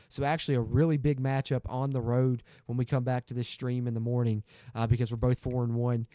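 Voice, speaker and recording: Mellow chatty male game streamer. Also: medium pitch, no echo, clean studio sound. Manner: chatty, upbeat, talks to viewers while playing. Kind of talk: casual gaming livestream commentary.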